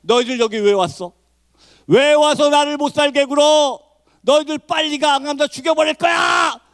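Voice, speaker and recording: A man voicing a possessed young woman whose hostile spirit shouts threats in a shrill, menacing way. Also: animated, quick pace, clear, resonant tone. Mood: furious.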